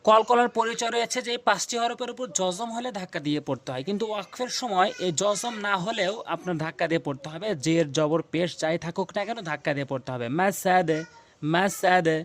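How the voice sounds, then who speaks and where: A man teaching Quran recitation, spelling out letters slowly and repeating each sound. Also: high-pitched, expressive, a bit bright. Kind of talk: recitation lesson.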